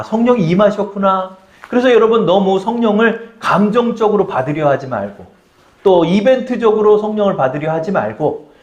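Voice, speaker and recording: A male pastor delivers a sermon in a high, animated voice that rises and falls widely. He keeps asking his congregation questions and has them say lines back to him. The recording is dull and lo-fi. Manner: acts out the tempter's taunting voice in quoted lines.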